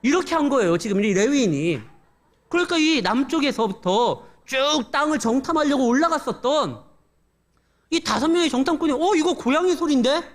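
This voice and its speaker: A man's voice: extremely high pitch, expressive, normal speed. A male pastor giving a conversational sermon with storytelling and humorous asides.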